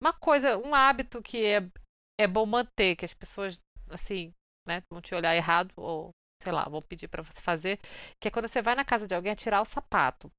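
A woman from Brazil chatting casually and telling lively stories, acting out what people said. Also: medium pitch, fairly quick, no room sound, studio quality. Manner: lively storyteller, acts out quoted lines. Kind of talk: casual chat.

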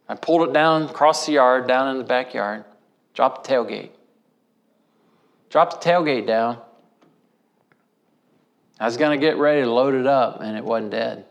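Folksy Missouri preacher telling a story. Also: male voice, mid-range voice. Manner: folksy, vivid storytelling with rural idioms. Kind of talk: storytelling sermon.

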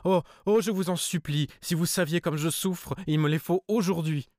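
A distressed woman as a male audiobook reader puts her on, pleading and halting as if close to sobbing. The reading sits low and is dry and close, with no room sound. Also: a little mellow, no echo, lightly acted. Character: distraught young woman under hypnotic command.

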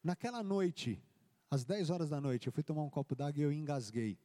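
A man's voice: on the high side, brisk. A man, a pastor, telling his testimony in a church service, acting out the dialogue as he tells it. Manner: animated storytelling, acting out dialogue. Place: church hall. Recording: long church hall reverb.

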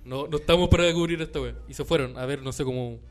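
A young man with a Chilean accent co-hosting a casual comedy podcast, joking rapidly and full of slang. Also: medium pitch. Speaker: podcast co-host.

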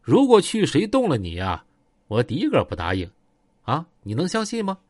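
A man voicing a calm, righteous gang boss who speaks in a steady, reassuring, authoritative way, with a Northeastern Chinese accent. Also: on the high side, moderate pace, dry recording, studio quality.

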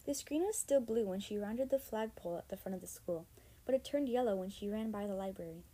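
A woman's voice: mid-range voice, fairly quick, dark tone, rough recording. A woman narrating a story chapter by chapter, reading steadily and expressively. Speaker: audiobook narrator.

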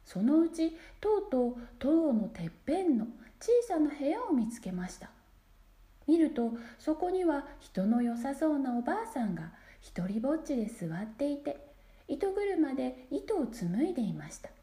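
Storybook narrator: a woman with a high, animated, mellow voice, gentle measured reading, echoey room. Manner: gentle, measured reading with dropping whispered phrase ends. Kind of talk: scripted fairy-tale narration.

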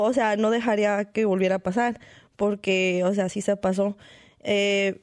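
A woman's voice: fairly high pitch, darkish tone, no room sound, clean studio sound. Chatty woman mixing in English. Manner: mixes English into Spanish, many fillers. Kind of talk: casual group chat.

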